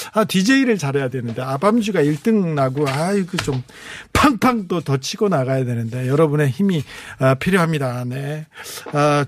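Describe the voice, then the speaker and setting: A man hosting a late-night radio show, chatting and reading listener messages with warm, teasing asides. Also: fairly high pitch. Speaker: radio DJ host. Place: radio studio. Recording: music playing faintly behind.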